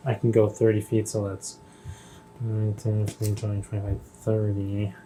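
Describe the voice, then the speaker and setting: A man's voice: on the low side, completely flat delivery, moderate pace, dark tone, a little hiss or hum. A man playing a tabletop game, thinking aloud and asking questions. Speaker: player. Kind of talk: casual tabletop game chat.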